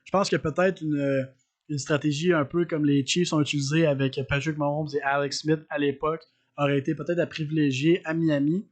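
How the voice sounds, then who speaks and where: A man's voice: a little high, fairly even intonation, brisk. A man with a Quebec French accent, co-hosting a sports podcast in casual chat, hesitant with many fillers as he analyzes games.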